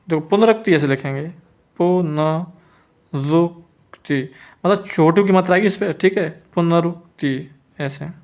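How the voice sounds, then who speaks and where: Male teacher, slightly high-pitched, patient, slowly repeats words, muffled lo-fi recording. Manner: repeats each word slowly, stretching syllables; checks in often with the listener. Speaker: Hindi spelling teacher. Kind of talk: slow spelling lesson.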